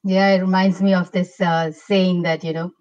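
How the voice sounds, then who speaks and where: A woman's voice: lowish voice, moderate pace. Indian woman talking on a dull video call. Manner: expressive, gestures while explaining. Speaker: Ayurveda health coach, guest. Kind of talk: casual interview on a video call. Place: home room. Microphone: laptop mic on a video call.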